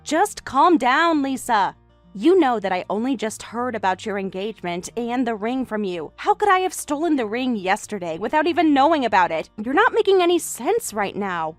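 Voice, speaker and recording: A woman in her late thirties voicing a composed older sister who reasons calmly and stands firm when pushed, in a voiced text-message story. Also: fairly high pitch, normal speed, no echo, faint music behind. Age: late 30s. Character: composed older sister, single, near forty.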